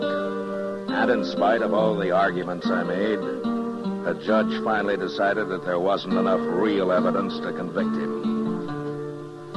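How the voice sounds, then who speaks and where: Deep-voiced, stern Old West marshal. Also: male voice, rough recording. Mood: sober narration. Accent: American. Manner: firm, plain-spoken, measured. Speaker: lead actor and narrator. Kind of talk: old-time radio western acting.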